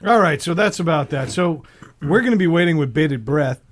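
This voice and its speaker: A man's voice: on the high side, expressive, normal speed. A man with a New York accent co-hosting a podcast, joking and steering the segments. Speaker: podcast co-host. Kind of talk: casual chat.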